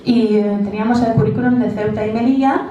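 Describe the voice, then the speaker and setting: A woman with a non-native, English-speaking accent in Spanish gives an informal conference presentation as a teacher, haltingly searching for words. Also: fairly high pitch, steady tone, mellow. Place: large echoey indoor room. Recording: very echoey room, distant mic, faint noise.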